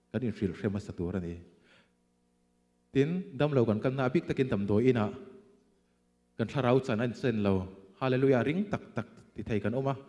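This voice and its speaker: A man preaching a sermon, emphatic, swinging between loud bursts and quiet asides. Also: medium pitch, long reverb tail.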